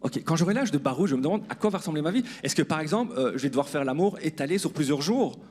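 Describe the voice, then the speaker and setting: On a comedy club stage, this stand-up in his forties pokes fun at himself while talking right to the crowd. He speaks at a quick clip in a slightly high, somewhat mellow voice full of expression.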